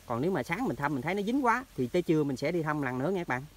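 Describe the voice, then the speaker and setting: A man's voice: fairly high pitch, very animated, very fast, a little hiss or hum. A man with a Mekong Delta Vietnamese accent, chatting casually to viewers in an outdoor vlog while walking through rural orchards and canal banks. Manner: chatty, keeps addressing viewers as friends. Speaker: hunting vlogger.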